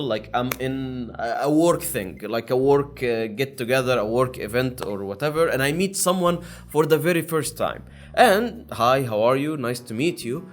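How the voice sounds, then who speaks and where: A young man talks straight to the camera in a loose, rambling way, stopping and restarting his sentences often. His voice sits in an ordinary middle range. Soft background music plays quietly under his talk. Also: mid-range voice. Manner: rambling, with many fillers and restarts. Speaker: YouTube channel host. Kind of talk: casual monologue to camera.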